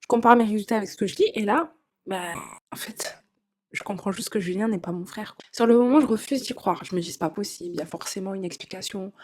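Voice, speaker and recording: This is a young woman recounting something that happened to her, in a relaxed, confessional tone. She talks casually, dropping in filler sounds and little asides to whoever is listening. Her voice sits at an ordinary middle pitch. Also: fast. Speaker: storyteller. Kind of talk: first-person confessional storytelling.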